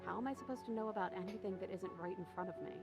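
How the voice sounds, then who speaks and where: A woman's voice: medium pitch, racing, lightly acted. A woman voicing a chained young princess in a video game, guarded and wry, with game music behind her. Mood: weary. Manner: dry, wry, teasing.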